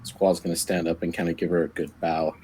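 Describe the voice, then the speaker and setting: Brief: deep-voiced male tabletop player, hesitant and rambling. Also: little pitch movement, fairly quick, a little mellow, a little hiss or hum, low-quality recording. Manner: hesitant, full of fillers. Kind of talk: playing a tabletop game.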